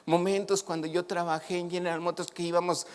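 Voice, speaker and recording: A man's voice: high-pitched, fairly quick, clear, resonant tone. A middle-aged man with a northern Mexican accent, preaching a sermon and telling personal stories, acting out the dialogue. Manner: animated, acts out dialogue in his stories. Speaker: pastor. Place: church hall. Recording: long reverb of a church hall.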